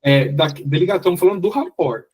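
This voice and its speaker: Husky-voiced Brazilian man, rambling. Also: sits high, lively intonation, a little mellow. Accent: Brazilian Portuguese. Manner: rambling, repeats words, quick laughs. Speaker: mentor. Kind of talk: casual group mentoring chat.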